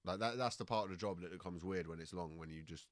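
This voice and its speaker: A man's voice: low-pitched, fast talker, no echo, studio quality. A young man with a South London accent, a stand-up comedian telling rambling anecdotes full of fillers on a podcast. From Croydon, South London, England. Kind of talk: casual podcast chat, storytelling. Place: podcast studio.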